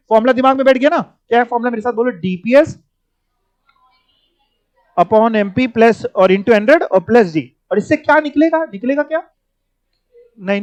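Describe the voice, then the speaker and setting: A man teaching finance in a high voice. He repeats key words and keeps asking his students to follow along. The recording is dry and a little muffled. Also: darkish tone, no echo. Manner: explains step by step, repeating words and prompting students. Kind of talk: classroom lecture.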